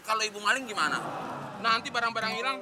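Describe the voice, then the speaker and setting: An actor playing an argumentative, complaining boarding-house worker in a sitcom. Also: male voice, sits high, quick pace, close to an everyday voice. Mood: suspicious. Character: suspicious, grumbling male boarding-house worker. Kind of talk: sitcom acting. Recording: loud music and audience behind.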